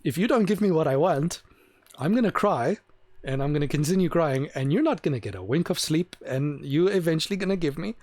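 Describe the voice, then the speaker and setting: A man's voice: on the high side, animated, a little fast, a little mellow, no room sound. A man mimicking a whining, demanding baby. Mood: wheedling. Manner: wheedling, threatening. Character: demanding whining infant addressing mommy.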